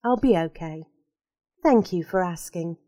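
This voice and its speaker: A woman reading as a gentle, sad young woman. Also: lowish voice, unhurried, dry recording, studio quality. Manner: soft, gentle and melodious.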